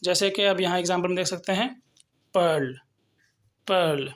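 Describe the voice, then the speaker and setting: A woman's voice: lowish voice, little pitch movement, fast talker, a bit bright. A woman teaching phonetics in a recorded lesson, explaining patiently and repeating example words. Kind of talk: recorded lecture with slides.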